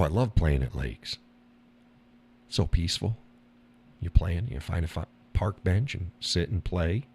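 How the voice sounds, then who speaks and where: On his own live stream, a low-pitched, slightly mellow man talks casually and bluntly, wandering from point to point. He curses freely, laughs between remarks, and jumps up high to mimic other people.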